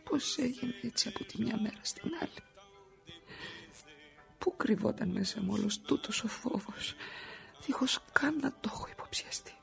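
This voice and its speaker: A woman's voice: mid-range voice, lively intonation, gravelly, long pauses, darkish tone, soft background music. An actress playing a frightened, exhausted immigrant wife of an injured worker, pouring out her fears in a radio drama. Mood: weary, fearful. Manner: emotional, confessional monologue.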